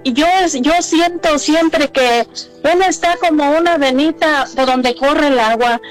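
A woman giving a religious testimony, a little nervous, talking haltingly with many restarts and fillers. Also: high voice, soft background music, rough recording. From Mexico.

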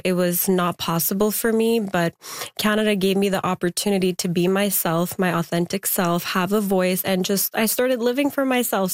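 A woman in her twenties, originally from Afghanistan, answering interview questions openly and earnestly, with soft laughs. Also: medium pitch, no echo, clean studio sound. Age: 20s. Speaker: interview guest, pageant contestant. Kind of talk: recorded interview.

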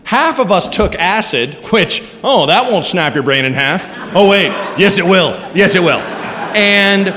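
A man doing a stand-up comedy set, lively and storytelling, a bit halting. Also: sits high, long reverb tail, crowd noise. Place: comedy stage before a live crowd.

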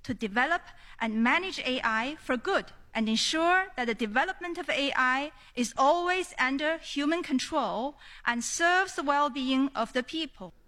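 A woman interpreter giving a translation voice-over of a formal speech, in a measured, even pace. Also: high-pitched.

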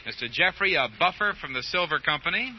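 Male game show host, jovial and bantering, slightly high voice; 1950s broadcast disc, muffled, faint hiss. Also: lively intonation. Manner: jovial, joking, quick follow-up questions. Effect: old broadcast transcription disc. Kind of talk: bantering audience-show interview.

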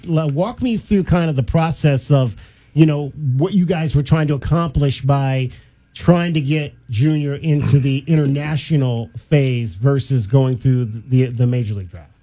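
A man's voice: medium pitch, moderate pace, warm tone, dry recording. A man hosting a sports broadcast, interviewing guests and commenting in a conversational way.

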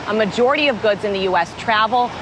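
A woman reporting from outdoors at a gas station as a radio field reporter, in a steady, measured voice. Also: medium pitch. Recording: clear street ambience. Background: traffic and vehicle noise.

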